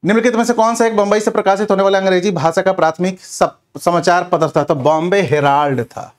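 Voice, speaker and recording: Brisk and fairly even in intonation, his high-sitting voice guides students through a question-and-answer review as an exam coach. He keeps the lecture instructive and returns often to the same check phrases.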